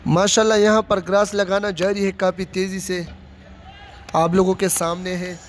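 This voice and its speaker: On this outdoor site tour, a Pakistani vlogger walks through a big stadium under construction, his phone camera in hand. His high voice stays level at a moderate pace as he gives plain commentary and repeats phrases, with some slight background noise.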